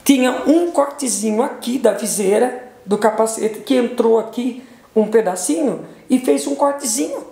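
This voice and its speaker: Brazilian woman with a gravelly, roomy voice. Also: fairly high pitch, normal speed, warm tone. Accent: Brazilian Portuguese. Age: middle-aged. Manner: retells events with lots of quoted dialogue, repeats herself. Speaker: podcast guest. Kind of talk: emotional faith testimony.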